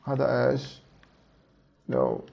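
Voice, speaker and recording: A man in his thirties with a Levantine Arabic accent, giving animated, exclaiming let's play commentary and talking to himself. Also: medium pitch, takes it slowly, creaky. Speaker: video game streamer. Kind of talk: excited let's play commentary, switching between Arabic and English.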